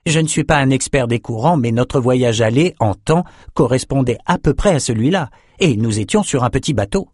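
A man's voice: mid-range voice, lively intonation, normal speed, hardly any pauses, a little mellow, breathy edge, dry recording, studio quality, voice pushed up. A man reading a story voices a thoughtful male scholar who weighs his words. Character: male scholar scanning the coast.

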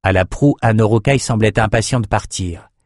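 Low-pitched male narrator, steady measured reading, dry close-miked studio sound. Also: no echo. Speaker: audiobook narrator. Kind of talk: scripted narration.

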